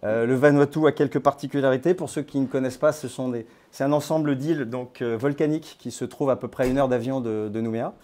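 A man giving an informal presentation to a meetup group, talking in a conversational, halting way with many hesitations and restarts. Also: mid-range voice, fairly even intonation, a little mellow. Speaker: crypto platform founder giving a talk. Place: based in Nouméa.

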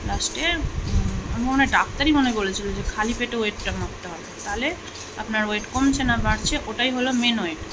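A woman from Bengal talks to her viewers while she does chores around the house, in a casual, chatty way. Her voice sits a little high. It is recorded on a phone indoors, with a steady hum running behind her. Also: quick pace. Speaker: vlogger. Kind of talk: casual home vlog chat. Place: home, indoors.

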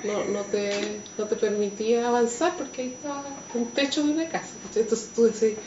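A Chilean woman talks with strong feeling as she tells her own story and slips into the voices of the people in it. She sits away from the mic in a roomy space. The sound is muffled, with steady noise underneath. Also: fairly high pitch, fairly quick, far from the mic. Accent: Chilean Spanish. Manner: emotional, vivid storytelling that acts out the voices of others. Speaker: interviewee. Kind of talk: personal testimony.

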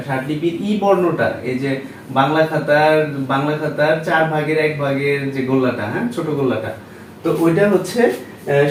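In a classroom lesson on shorthand, a man with a fairly high voice patiently works through every step and quizzes his listeners with questions as he writes, going over steps again. He sounds far from the mic in an echoey room, and there's a slight hiss or hum.

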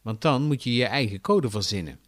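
A man from the south of the Netherlands with a southern Dutch accent, giving a clear, deliberate scripted lesson. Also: medium pitch, dry recording, studio quality. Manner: clear, deliberate explanatory delivery with lively intonation. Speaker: language teacher. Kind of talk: scripted educational narration.

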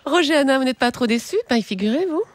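A man's voice: very high-pitched, animated, racing, slight background noise. A man voicing a prim female TV presenter who makes breezy introductions, in a comedy impression sketch.

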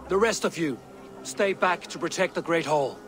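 A man's voice: fairly high pitch, normal speed, noisy background, natural voice. An actor playing a bold, decisive Norse god-king who gives clipped, authoritative orders in a video game. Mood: commanding. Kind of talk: video game dramatic acting.

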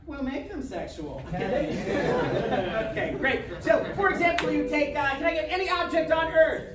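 A woman's voice: high voice, lively intonation, normal speed. A woman hosting an improv comedy game, energetically announcing the rules to the audience. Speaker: improv show host. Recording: echoey live comedy club, from far off. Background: crowd and music.

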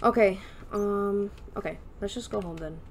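A woman's voice: mid-range voice, moderate pace, a little hiss or hum. A young woman hosting a casual gaming chat, exclaiming and gasping as she plays. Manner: lively, exclaiming and gasping while playing. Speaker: channel host.

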